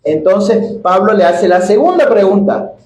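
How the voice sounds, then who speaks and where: A man from Argentina preaching a sermon with an Argentine accent, reading scripture slowly and asking many rhetorical questions. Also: high-pitched, expressive, a little mellow. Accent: Argentine Spanish. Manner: reads scripture slowly and stretches out the quoted words. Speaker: pastor. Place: church hall. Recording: echoey church hall, faint background noise.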